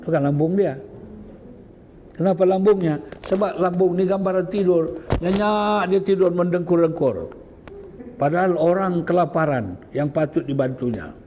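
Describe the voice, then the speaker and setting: Mellow-voiced man giving a religious lecture. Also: a little high, long reverb tail, slight background noise. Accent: Malay, Sabah. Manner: recites Arabic verses then explains, asks rhetorical questions. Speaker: religious teacher. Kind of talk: Islamic lecture explaining Quranic verses.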